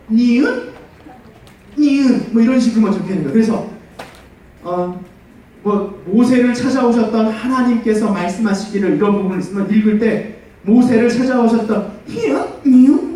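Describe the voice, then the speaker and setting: Animated man preaching to kids in an echoey hall. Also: high voice, a little hiss or hum. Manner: animated, asks kids questions, leads call-and-response. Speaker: children's pastor. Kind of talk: children's sermon. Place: church hall. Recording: echoey church hall, far from mic.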